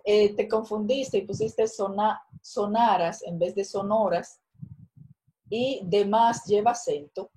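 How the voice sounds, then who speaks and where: Woman teacher on a video call, warm mellow tone, explains stuff patiently and corrects homework. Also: mid-range voice, fairly even intonation, takes it slowly, low-quality recording. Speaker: university teacher. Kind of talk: online class.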